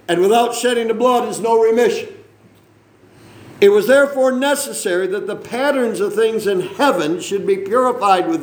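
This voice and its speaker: In a rough recording from an echoey room, a man with a high-sitting voice delivers a sermon. He reads from the Bible, teaches from it in a chatty style, and keeps asking the congregation questions between joking asides.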